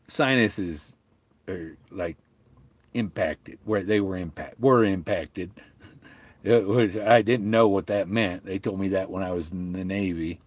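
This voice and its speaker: A middle-aged man talks in a low, unhurried voice. His top front teeth are missing, so his words come out loose with a faint whistle. He rambles casually and haltingly, often stopping to find the next word. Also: no room sound. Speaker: vlogger talking to viewers.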